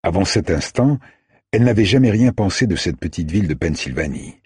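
Very husky low male audiobook narrator. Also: expressive, brisk, darkish tone, no echo, clean studio sound.

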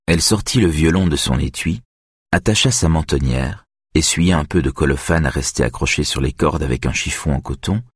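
A man reading a novel aloud in an even, measured way. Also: very deep voice, breathy edge, no room sound, studio quality. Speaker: narrator. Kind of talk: audiobook narration.

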